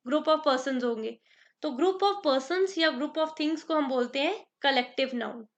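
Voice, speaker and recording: Woman tutor, high voice, dictates examples slowly, quizzes the class. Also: fairly bright tone. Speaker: exam prep teacher. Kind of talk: grammar lesson in Hindi-English mix.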